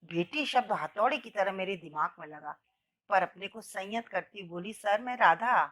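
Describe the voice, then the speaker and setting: A woman storyteller narrating a first-person romantic story in an expressive, emotional reading. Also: mid-range voice, moderate pace.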